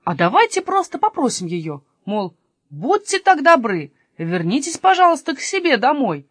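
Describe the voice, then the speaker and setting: A woman's voice: high voice, very animated, moderate pace, no room sound, voice pushed up. Grumpy, stubborn robber man, read by a woman, dry close sound. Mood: grumbling. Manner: grumbling, sulky. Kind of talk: storybook reading.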